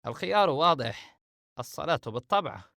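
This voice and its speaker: A stern brother who pushes his view sharply and insistently, read by a male audiobook narrator. His voice sits at a plain middle pitch. The recording is dry with no room. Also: expressive, a little fast, gravelly, bright, forceful tone, dry recording, exaggerated voice. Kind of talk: audiobook character reading.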